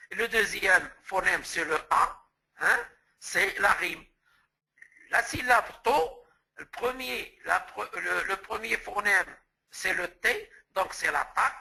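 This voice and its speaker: A man's voice: high-pitched, gravelly, pushed and bright, poor audio. A man from Morocco giving a lecture as a teacher trainer, explaining step by step and restating terms with word examples.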